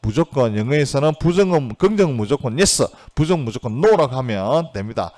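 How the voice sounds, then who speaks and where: Male lecturer, explanatory grammar-lesson delivery, lively pitch, checks in with the class, reads examples slowly. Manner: explanatory, asks "그죠?" for agreement. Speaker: English grammar teacher. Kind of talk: video lecture.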